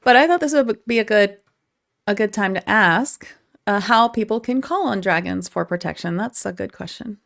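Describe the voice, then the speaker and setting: A woman's voice: mid-range voice, moderate pace, vocal fry. A woman hosting a live session, relaying audience questions in conversational speech. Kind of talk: live online session moderation.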